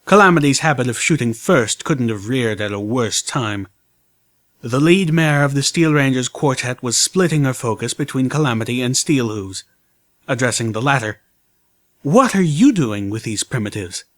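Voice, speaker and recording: A man's voice: mid-range voice, moderate pace, fairly bright tone. Man narrating a fan fiction audiobook.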